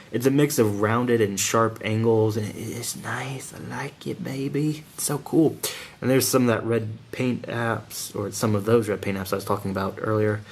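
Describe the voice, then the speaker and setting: A man's voice: on the low side, darkish tone. A man giving a casual hands-on toy review in an informal, slangy, enthusiastic manner.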